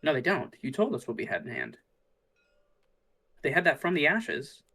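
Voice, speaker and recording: A man's voice: a little high, wildly swooping pitch, moderate pace, pushed and bright, slightly rough. A man casually commentating on a card game tournament, musing aloud about the plays as they happen. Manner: thinks aloud, musing and easygoing.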